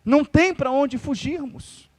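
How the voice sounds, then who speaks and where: A man's voice: extremely high pitch, a little slow. A man with a Brazilian accent, a pastor preaching a fervent live sermon directly to his church congregation. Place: church service.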